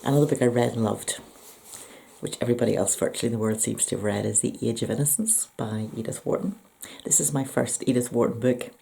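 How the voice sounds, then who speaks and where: Speaking fast in a warm, creaky, mid-range voice, this Northern Irish book and poetry vlogger reviews books for viewers in a relaxed, thoughtful and eager way. The recording quality is low.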